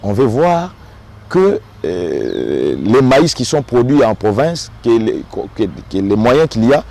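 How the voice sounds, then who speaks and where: Slow and sing-song, with vocal fry and a darkish medium-pitched tone, a man with a Congolese French accent speaks earnestly in an on-site political interview. He is a local notable from the Democratic Republic of the Congo and often repeats small words while searching for his next one.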